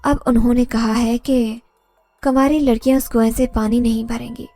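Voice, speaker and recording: A woman's voice: on the high side, fairly even intonation, dark tone, dry recording. Woman horror storyteller, earnest, over faint background music. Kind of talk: first-person horror story narration.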